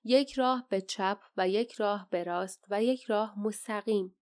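A woman narrating an audiobook in a steady, dramatic storytelling manner. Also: mid-range voice. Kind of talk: scripted narration.

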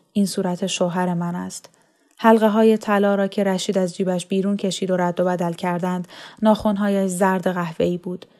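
A woman reading a novel aloud in a calm, even, measured storytelling manner. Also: medium pitch. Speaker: story reader. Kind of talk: audiobook narration of a novel.

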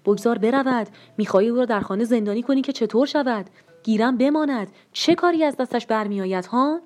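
A woman voicing a bitter, scolding mother of a grown son in a read-aloud story, with a sharp, scolding delivery. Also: mid-range voice, soft background music, natural voice.

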